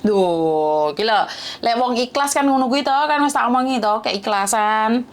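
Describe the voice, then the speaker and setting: A woman's voice: a little high, lively intonation, normal speed. A woman hosting a phone-in chat with a Javanese accent, casual and chatty, humming along as she listens. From Indonesia. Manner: chatty, mixes Javanese, many listening hums. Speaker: host taking calls.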